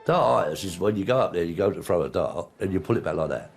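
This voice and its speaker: A man's voice: low-pitched, expressive, fast, vocal fry, soft background music. A man giving a blunt, matter-of-fact interview about his past. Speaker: interviewee, former player. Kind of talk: candid interview recollection.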